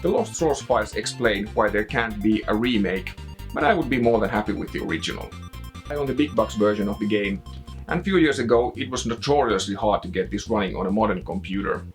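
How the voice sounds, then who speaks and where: A man's voice: on the low side, a little fast, soft background music. A man with a Finnish accent reading a scripted video essay narration as the host of a game review show.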